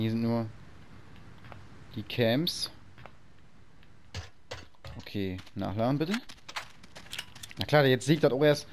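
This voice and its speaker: A man's voice: mid-range voice, slight background noise. A man casually commenting on a video game while he plays, thinking aloud and muttering to himself. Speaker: let's play host.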